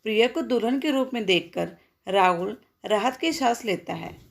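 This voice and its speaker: A woman narrating a scripted family story in a plain, steady reading voice. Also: on the high side, moderate pace, creaky.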